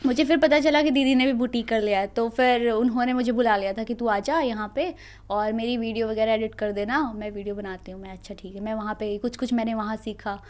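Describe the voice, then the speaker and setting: High-voiced young woman telling a story. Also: fairly quick. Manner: animated, laughing storyteller who acts out family dialogue. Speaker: student guest. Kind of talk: casual interview storytelling.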